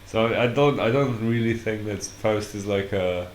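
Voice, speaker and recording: Brief: low-voiced male co-host from Scotland, relaxed and halting, echoey room with faint noise. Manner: laid-back, halting restarts, casual swearing. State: voice deeper than usual from illness. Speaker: co-host and tournament winner. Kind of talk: casual commentary chat.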